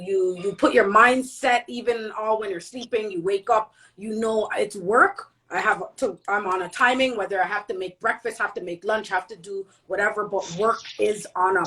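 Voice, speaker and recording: A woman's voice: medium pitch, a bit bright, rough recording. A woman in a casual chat who speaks earnestly and repeats her points for emphasis.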